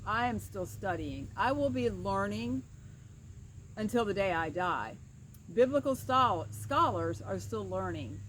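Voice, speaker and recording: A middle-aged woman with an average-pitched voice speaks in a casual, reflective vlog style. Her words are slightly slurred, as though one side of her mouth were numb. She is outdoors, with clear insect and nature noise around her. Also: lively intonation, a little slow, a bit bright, rough recording. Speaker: vlogger and pastoral counselor. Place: outdoors by a creek. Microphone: camera at a short distance. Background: insects and woodland ambience.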